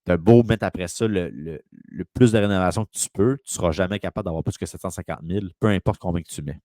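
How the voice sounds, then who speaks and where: A man's voice: sits low, fast, mellow, no room sound, clean studio sound. A man with a Quebec French accent, a real estate broker telling a long rambling story in casual conversation.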